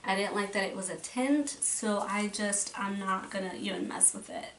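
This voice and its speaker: In her bedroom, a beauty vlogger chats her way through a makeup declutter, rambling, trailing off and restarting her thoughts. Her mid-range voice is a bit bright and moves at a normal speed. The recording sounds roomy and distant, with faint noise.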